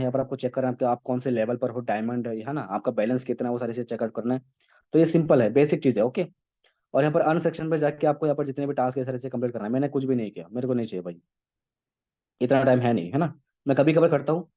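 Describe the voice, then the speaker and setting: Presenting a relaxed screen-share tutorial on an online meeting call, a mid-range male voice explains things step by step. He checks in frequently with "okay?" and "right?", and the audio loses its high end.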